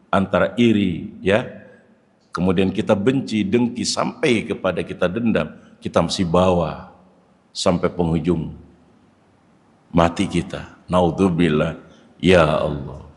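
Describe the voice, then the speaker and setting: A man preaching a sermon in a mosque, animated, swinging between sharp stressed words and low murmured prayers. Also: big-room sound. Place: mosque hall.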